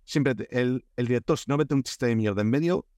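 Brisk and medium-pitched, this Spanish-accented man from Spain is a Korea expert guesting on an easygoing podcast. His stories come out animated, peppered with fillers and restarts, and the sound is studio quality without echo.

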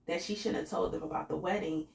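A woman's voice: on the low side, steady tone, fast, gravelly, echoey room. A woman hosting a podcast, talking in a casual, slangy, chatty way with lots of fillers. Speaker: podcast host reviewing a reality show. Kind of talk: casual chat.

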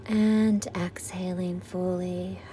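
A woman teaching a guided meditation speaks softly and soothingly, like someone narrating a sleep story, exhaling breathily on the breathing cues. Her fairly low voice is flat in delivery and slow, with slight background noise.

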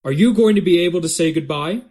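A man's voice: on the high side, quick pace, darkish tone, lightly acted. A man playing a fussy, hesitant dad. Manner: hesitant, with many uhs. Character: cautious, fussy family dad. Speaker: father.

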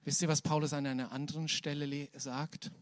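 Man, preacher, sermon, slightly high voice, hushed to shouting, dry close recording. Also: little pitch movement, no room sound. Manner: swings from soft, slow, hushed passages to loud, high, shouted climaxes.

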